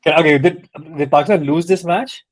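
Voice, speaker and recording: A man's voice: fairly high pitch, quick pace. A man taking part in a cricket quiz in casual chat, thinking aloud with hesitant restarts. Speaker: quiz contestant and co-host.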